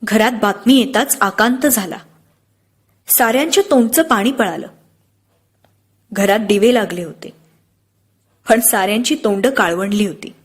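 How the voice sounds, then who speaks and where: A woman narrating an audiobook in a steady, expressive storytelling manner. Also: medium pitch, unhurried, pauses often, breathy edge.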